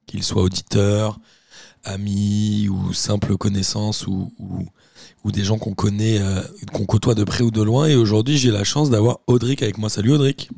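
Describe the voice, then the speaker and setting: A man hosting a casual interview podcast, chatty and relaxed, asking many questions. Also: fairly low pitch, moderate pace, creaky, no room sound. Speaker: podcast host.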